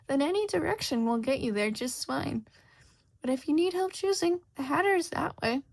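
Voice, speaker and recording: Storybook mad cat played by a woman: female, high-pitched and swooping, airy, teasing, knowing. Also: lively intonation, moderate pace, gravelly.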